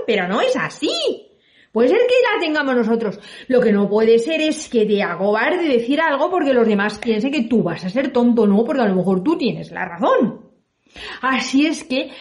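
A high-pitched woman telling a children's tale in a lively, playful manner, jumping into her characters as she goes. Her voice rings in an echoey room. She calls herself a reporter and storyteller.

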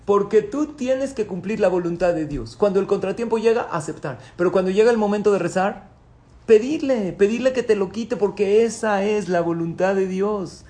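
Hombre de voz aguda predicando con fervor. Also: male voice, high-pitched, normal speed. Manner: teaching with questions and answers, swinging between loud pleas and soft asides. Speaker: rabbi. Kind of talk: sermon.

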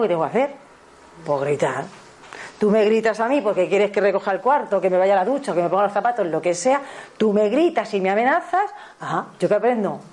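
With a mid-range, somewhat dark tone, this woman in her fifties talks quickly about parenting from a spiritual angle, carrying a Spanish accent from Spain. As a teacher, she keeps correcting herself and checking that her listeners are following.

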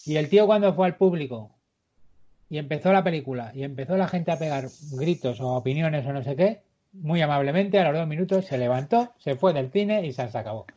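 A man, co-hosting a casual chat and telling anecdotes in a jokey, storytelling way, slowing down for effect. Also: a little high, expressive, mellow. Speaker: podcast co-host. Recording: dull lo-fi recording.

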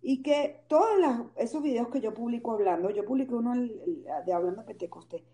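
Woman guest, high and bright, animated storyteller in interview. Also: a little fast. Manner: animated, storytelling, acts out quoted dialogue. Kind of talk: conversational interview.

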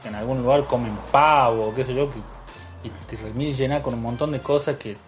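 A man in a casual chat, talking with many pauses and restarts. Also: mid-range voice, steady tone, faint music behind. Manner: hesitant, many restarts and fillers.

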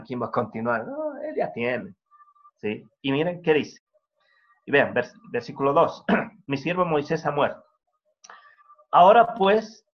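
A man preaching a sermon in an earnest, conversational way, often adding tag questions. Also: mid-range voice. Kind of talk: sermon over video call. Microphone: video call. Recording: dull lo-fi video call audio.

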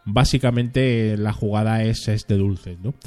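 A man's voice: fairly low pitch, steady tone, measured pace, a little mellow, soft background music. A man hosting a casual live stream, reading chat messages aloud and rambling in a chatty way with frequent questioning tags. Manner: rambling, chatty, ends phrases with a questioning tag.

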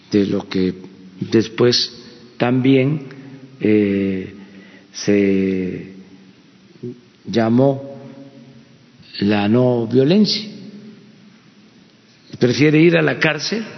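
Gravelly Mexican man, slow and halting, pauses and fillers, dull lo-fi hall recording. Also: mid-range voice. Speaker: president answering press questions. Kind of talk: press conference answer. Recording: dull lo-fi sound in a reverberant hall.

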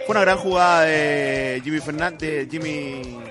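A man's voice: fairly high pitch, fairly even intonation, measured pace, music in the background. A man co-hosting a casual radio show, adding teasing, wry asides. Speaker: radio co-host.

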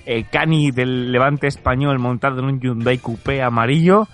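Man from Spain, comic podcast host, rambling jokey delivery, mid pitch, faint music under. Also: moderate pace. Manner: rambling, joking, laughs often. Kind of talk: comedic casual chat.

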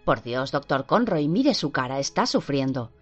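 Un médico horrorizado y humano, puesto por una mujer de voz baja. La grabación es apagada y de baja fidelidad. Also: female voice, rumbling low, big pitch swings, moderate pace, full character voice. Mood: alarmed. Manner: alarmed, pleading. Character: shocked, compassionate male doctor. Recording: dull lo-fi with faint music.

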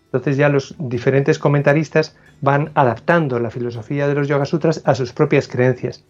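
A man's voice: mid-range voice, steady tone, normal speed, darkish tone, dull audio, soft background music. A man, a philosophy scholar, explaining ideas as an interview guest, thoughtful and prone to restarts and self-corrections.

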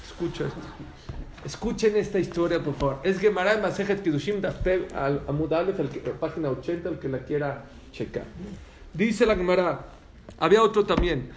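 A man's voice: high voice, fairly quick, roomy sound, a little hiss or hum. A man teaching a religious lesson to a live audience, telling stories animatedly and questioning his listeners.

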